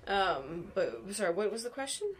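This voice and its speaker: A woman's voice: mid-range voice, very animated, moderate pace. Young woman in casual gaming chat. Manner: conversational, laughs easily. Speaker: streamer's co-player. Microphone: binaural recorder, standing in VR headset.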